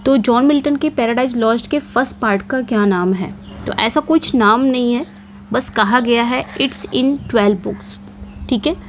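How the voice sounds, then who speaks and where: A woman teaching English literature for an exam, posing questions and answering them herself. She repeats key points and reads the English quiz questions slowly. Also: fairly high pitch, slight background noise. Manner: repeats key points with frequent check-ins. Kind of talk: exam-prep lecture.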